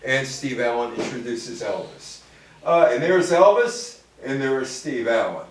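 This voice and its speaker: An older American man gives an informal public talk on music history, reading quotes, commenting on them, and turning to the audience with short asides. His mid-range voice swings widely in pitch at a slightly slow pace. A distant microphone picks him up in a very echoey room, with a bit of hiss or hum.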